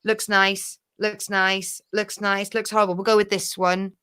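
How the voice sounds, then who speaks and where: A woman's voice: mid-range voice, flat delivery, measured pace, pushed and bright, clear, resonant tone. A woman co-hosting a chat show, frank and wry in manner. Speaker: co-host. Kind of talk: casual chat.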